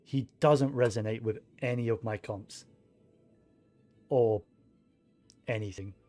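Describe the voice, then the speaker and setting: Over background game music, a man streams his gameplay with casual, muttered commentary peppered with swearing. His voice is medium in pitch, dark in tone, and slow.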